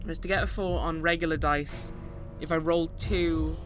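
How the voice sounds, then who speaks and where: A man's voice: on the high side, steady tone, moderate pace, music in the background. A man game streamer giving casual commentary, thinking aloud as he plays.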